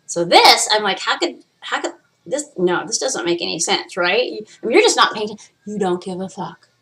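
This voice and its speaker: Animated, brisk and a bit bright, a mid-range female voice carries this casual vlog chat to camera. The host is candid and rambling, swears often, and toys with different voices.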